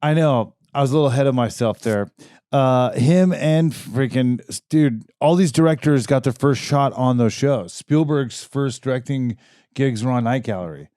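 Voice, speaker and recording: A man's voice: mid-range voice, normal speed, warm tone, no echo, clean studio sound. A man co-hosting a casual comedy podcast, telling stories with easy enthusiasm and casual swearing. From Southern California. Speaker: podcast co-host.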